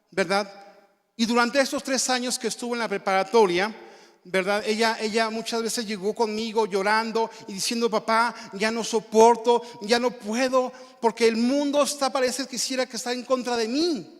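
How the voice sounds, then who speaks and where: A Mexican pastor in his forties delivers a sermon in a strikingly high voice. He preaches to his congregation and keeps checking in with a rhetorical tag question. A long reverb from the church hall trails each phrase. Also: fairly bright tone. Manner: preaching, frequent rhetorical "¿verdad?".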